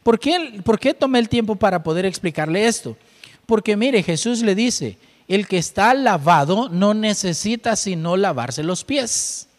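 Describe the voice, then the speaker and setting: A man's voice: sits high, expressive, measured pace, in a large hall. A man preaching a sermon, explaining scripture and asking his listeners rhetorical questions.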